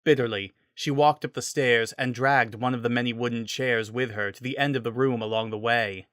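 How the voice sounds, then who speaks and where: A man's voice: mid-range voice, steady tone, fairly quick, a bit bright, dry recording, studio quality. A man reading a scripted story as its narrator, in a dramatic style.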